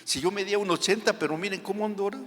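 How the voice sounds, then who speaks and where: A man preaching a sermon, lively and playful, mixing jokes with dramatic Bible reading. His voice sits a little high. The sound carries the long reverb of a church hall. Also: very fast. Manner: animated, joking asides, dramatic Bible reading. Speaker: pastor.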